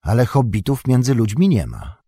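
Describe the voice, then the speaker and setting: A man with a husky voice reading the part of a calm, keen-eyed male elf in an audiobook, quiet and matter-of-fact. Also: mid-range voice, normal speed, dry recording, studio quality. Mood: observant.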